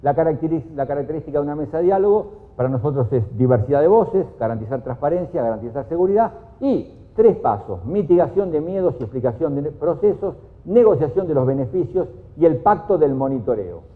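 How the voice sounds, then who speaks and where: Argentine man, conference speaker, lively pitch, long hall echo, tinny phone-like sound. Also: fairly quick, few pauses. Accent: Argentine Spanish. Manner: animated, jumps to shouts when quoting people. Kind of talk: lively lecture with acted quotes.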